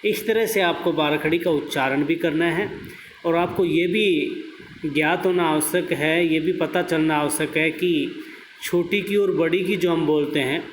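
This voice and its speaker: A man's voice: a little high, steady tone. A man teaching young pupils in an online class, reciting syllables one by one and explaining them patiently. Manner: slow, careful syllable-by-syllable recitation. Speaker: schoolteacher. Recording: echoey room with faint background noise.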